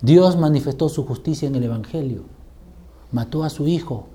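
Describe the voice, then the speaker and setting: A male pastor preaching a sermon with passion, building up to loud, emphatic peaks. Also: fairly high pitch, moderate pace.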